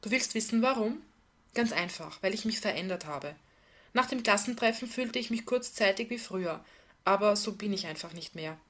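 A woman's voice: medium pitch, animated, moderate pace, a bit bright. A woman reading a curt, irritable woman. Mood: sharp. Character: tense irritable woman, flustered and defensive.

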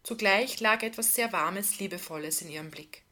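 Woman, novel reading, calm, even narration, mid pitch. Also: normal speed. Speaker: reader.

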